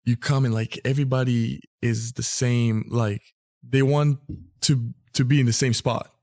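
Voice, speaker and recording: A young man from Israel, a guest in a casual interview, speaking in a relaxed way with many fillers. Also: mid-range voice, unhurried, no room sound, clean studio sound. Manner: relaxed, filler-heavy speech. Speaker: guest athlete.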